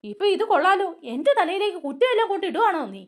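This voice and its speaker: A woman's voice: very high voice, lively intonation, racing, voice pushed up. A woman voicing a scheming young woman who answers accusations indignantly and mockingly.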